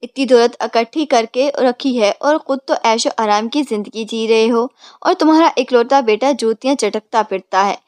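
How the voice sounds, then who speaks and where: A woman's voice: fairly high pitch, darkish tone, no echo, close to an everyday voice. A woman voicing a fierce, doting older mother who scolds her husband in an angry tone. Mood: scolding.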